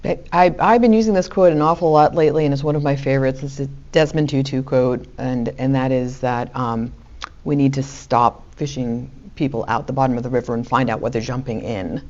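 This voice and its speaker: A woman's voice: rumbling low, a little fast, a little mellow. A woman with a New York accent answering panel questions earnestly, often repeating words as she starts a thought. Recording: dull lo-fi sound.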